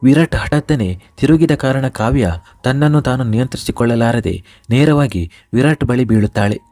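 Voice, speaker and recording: A man giving a steady scripted narration of a romantic drama story. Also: medium pitch, normal speed, no echo.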